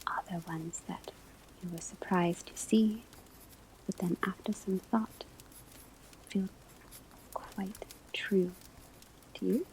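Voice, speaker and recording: A female ASMR performer takes on the role of a calm divination teacher at a school for witches, lecturing in a breathy, soft whisper with deliberate, measured instruction. Her voice is mid-range, and the clear ambience includes classroom noise, fireplace crackle, and turning pages.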